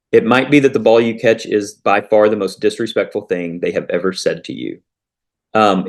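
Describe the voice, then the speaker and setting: A man teaching parents in a relaxed, chatty way, with frequent pauses and rhetorical questions. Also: lowish voice. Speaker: parenting educator. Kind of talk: conversational teaching talk to parents.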